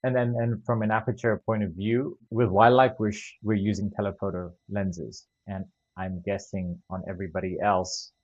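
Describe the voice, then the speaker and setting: A low-voiced man from Zambia answers as an interview guest in a calm, explanatory way. The sound is dry and a little dull, like remote call audio. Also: no echo. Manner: measured, explanatory, some repeated starts. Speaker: wildlife photographer guest.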